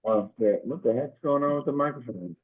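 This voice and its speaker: A man's voice: medium pitch, expressive, brisk, a crowd in the background. A man chatting casually on a live online show, his voice coming through muffled and degraded from a faulty microphone. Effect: muffled, degraded stream audio from a faulty mic. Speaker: regular panelist on a live stream show. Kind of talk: casual chat. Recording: muffled lo-fi online call audio.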